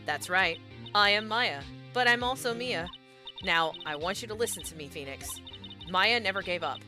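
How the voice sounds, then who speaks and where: A woman's voice: medium pitch, animated, moderate pace, music in the background, natural voice. A woman voicing a dead sister's spirit channeled through a medium, earnest and guiding, reading a video game role. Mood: earnest urging. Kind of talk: video game character read-aloud.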